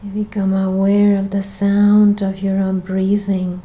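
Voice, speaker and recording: A woman guides a meditation in a gentle, soothing manner, leaving long pauses between phrases. Her voice is medium-pitched and monotone.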